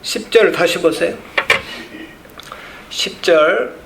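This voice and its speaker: A man's voice: sits high, takes it slowly, vocal fry. A male pastor preaching an emphatic sermon and leading the congregation in reading aloud, in a church. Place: church sanctuary. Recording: echoey church room, faint background noise.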